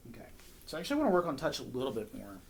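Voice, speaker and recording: A woman's voice: a bass voice, huge pitch swings, racing, slight background noise. A woman dog trainer talking casually through a training session, explaining each step as she goes. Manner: chatty, explains her steps aloud while training.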